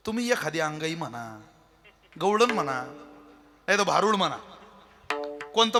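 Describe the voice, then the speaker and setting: Male kirtan preacher with a bright, lifted voice, folksy and jokey, faint music underneath. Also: high-pitched. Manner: folksy, joking, rhetorical questions. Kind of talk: devotional sermon with humour.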